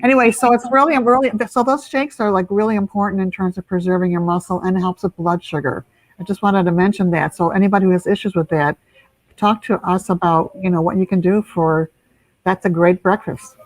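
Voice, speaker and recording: A woman's voice: medium pitch, fairly even intonation, a little fast, no echo, low-quality recording. A woman guest on a live video call who talks about health in a chatty way, with frequent restarts. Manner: chatty, restarts, laughs easily. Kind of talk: casual live video chat.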